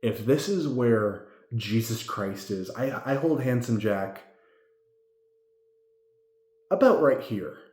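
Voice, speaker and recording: An echoey room recording of a man with a medium-pitched voice. He rambles through a casual movie review with tipsy, drunken delivery. He is emphatic and profane, often circling back to repeat his own phrases. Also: lively intonation, takes it slowly, pauses often, a little mellow. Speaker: amateur film reviewer.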